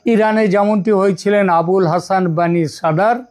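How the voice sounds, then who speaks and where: High-voiced man giving commentary. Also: steady tone, normal speed, darkish tone. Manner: explains and restates terms, rhetorical questions. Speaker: political commentator. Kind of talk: news commentary monologue.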